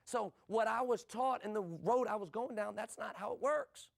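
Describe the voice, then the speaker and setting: A middle-aged man from the USA delivers a motivational business talk. His voice sits high and has a gravelly edge, and he drives his points with rhetorical questions and short repeated lines. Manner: rhetorical questions and quick punchy repetition. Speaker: business speaker.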